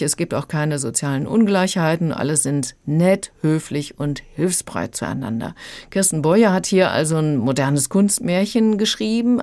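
A woman's voice: sits low, dark tone. A woman reviewing a children's book on the radio, explaining thoughtfully. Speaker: book critic.

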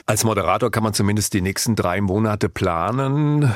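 Low-voiced male radio talk host. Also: animated, dry recording. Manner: measured, asks questions. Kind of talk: radio interview.

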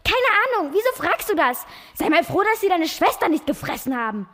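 Ein Mädchen spielt eine panische, schrille Mutter. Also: female voice, very high voice, very animated, brisk, a bit bright, in a large hall, exaggerated voice. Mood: panicked. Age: young. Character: panicked shrill mother in nightgown. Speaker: young reader in a reading contest.

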